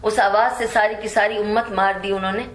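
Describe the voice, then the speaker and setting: A woman teaching Quran commentary recites verses slowly, then explains them with English words mixed in. Her voice is medium in pitch and level in tone, and the room is echoey.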